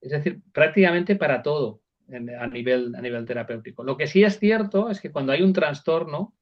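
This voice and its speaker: A man's voice: a little high, animated, a little fast, muffled recording. A man speaking as a psychologist guest, explaining step by step with examples and frequent repeated words. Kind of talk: casual interview talk.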